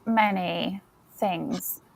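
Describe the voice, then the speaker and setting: A woman chatting casually as a guest on a podcast over a video call, easygoing and quick to laugh. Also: on the low side, fairly even intonation, gravelly, slight background noise, low-quality recording. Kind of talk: casual chat.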